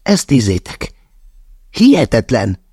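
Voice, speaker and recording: A man voicing an excitable male hiker in an audiobook, with an eager, exclaiming manner. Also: medium pitch, husky, no room sound, studio quality, voice pushed up. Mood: excited.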